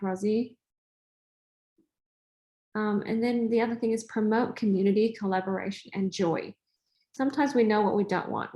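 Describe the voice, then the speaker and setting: A woman's voice: mid-range voice, rough recording. A woman from Australia, hosting and talking casually as a spiritual coach, acting out family dialogue in a chatty way. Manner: chatty, acts out family dialogue in lively voices. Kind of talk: casual teaching talk.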